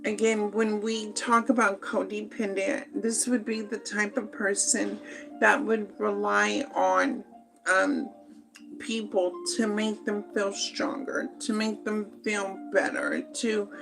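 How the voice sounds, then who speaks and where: A woman giving a slow, meandering spoken tarot reading, with many fillers and pauses. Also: mid-range voice, gravelly, rough recording. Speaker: tarot reader.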